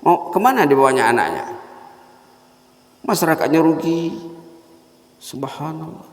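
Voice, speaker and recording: A man preaching a morning sermon with emphatic, repeated points that swing between loud and soft. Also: sing-song, unhurried. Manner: emphatic, rising to loud repeated points then dropping low. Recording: echoey hall reverb.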